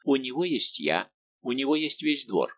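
A man's voice: mid-range voice, big pitch swings, moderate pace, a bit bright, pitched above the performer's own voice. A man reading an audiobook, voicing a proud, jealous young royal princess with an imperious manner. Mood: haughty. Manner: imperious, then pleading.

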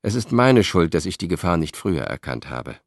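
A man voicing a worried but firm Roman statesman in an audiobook, measured in delivery. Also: deep voice, big pitch swings, dry recording, clean studio sound.

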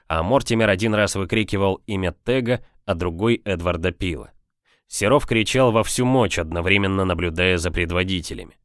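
A man narrating an audiobook in a steady, measured storytelling manner. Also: sits low, dry recording, clean studio sound.

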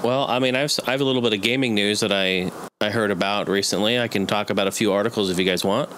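A man co-hosting a podcast, sharing gaming news in a relaxed, matter-of-fact way. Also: on the low side, fast talker, slight background noise. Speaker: podcast co-host. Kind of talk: casual gaming news chat.

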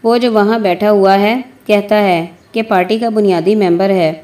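A woman's voice: medium pitch, fairly even intonation, a little mellow, natural voice. A woman voicing a determined male union worker in a story, speaking firmly and curtly. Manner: firm, curt.

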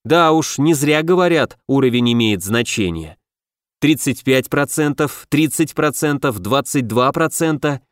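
A man narrating a first-person fantasy audiobook in a brisk, lively storytelling manner. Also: medium pitch, no echo, clean studio sound.

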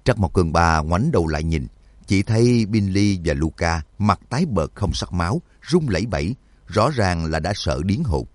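A man narrating an audiobook in an expressive, vivid storytelling manner. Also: low-pitched, moderate pace, dry recording.

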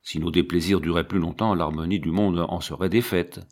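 A man voicing a gentle, humble old monk who tends a convent garden, speaking in a mild, musing way. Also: deep voice, steady tone, a little fast, voice pushed down.

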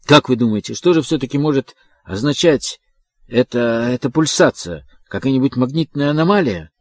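Brief: male reader as a nervous engineer, halting and repetitive, dry audiobook sound. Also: medium pitch, animated, dry recording, pitched above the performer's own voice, close to an everyday voice. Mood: anxious. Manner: nervous, hesitant, repeating himself. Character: anxious male engineer trying to stay calm.

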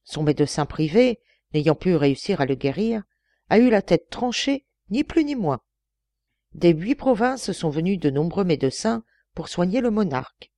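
A crafty male envoy, stern one moment and wheedling the next, as a woman reads him aloud. The voice is mellow and warm. The recording is close and dry. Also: on the low side, very animated, moderate pace, dry recording. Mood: boastful. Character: scheming sly male royal envoy.

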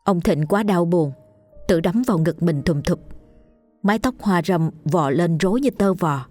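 Female audiobook narrator, low and solemn, faint music bed. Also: animated, a little slow, a little mellow, no echo. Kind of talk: scripted ghost story narration. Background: faint background music.

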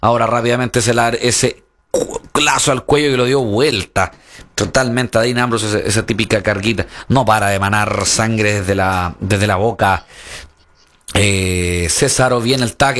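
A Chilean man giving excited live play-by-play wrestling commentary, repeating his calls for emphasis. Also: medium pitch, moderate pace.

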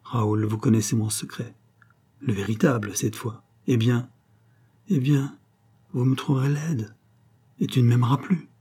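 A man's voice: mid-range voice, steady tone, measured pace, long pauses, dark tone, breathy edge. A man reading the lines of a young Parisian wife, earnest and pleading as she confesses. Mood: tender.

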